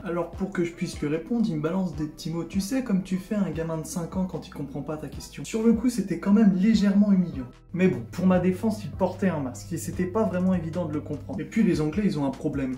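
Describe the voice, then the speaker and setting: A man's voice: a little high, dark tone. A young man from France giving a comic vlog monologue in a sarcastic, mock-indignant way. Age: young adult. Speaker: vlogger. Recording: echoey room, faint background music.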